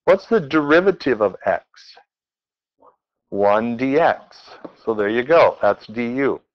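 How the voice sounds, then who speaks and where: A man's voice: mid-range voice, expressive, slow pace, dull audio. A man teaching a math class in a classroom, working examples aloud and playfully quizzing his students as he goes. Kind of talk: classroom lecture.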